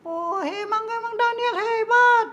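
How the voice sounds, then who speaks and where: A puppeteer voicing Kobon, a cheeky, silly child puppet in a kids church show. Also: male voice, measured pace, pushed and bright, muffled recording, full character voice. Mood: playful. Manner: squeaky, playful, teasing.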